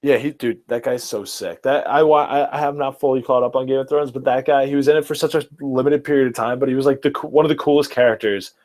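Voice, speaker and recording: A man's voice: mid-range voice, steady tone, fast talker, few pauses, darkish tone. Enthusiastic young man chatting sports. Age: early 20s. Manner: enthusiastic, rambling, fillers and restarts. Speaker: podcast host. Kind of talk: casual sports chat.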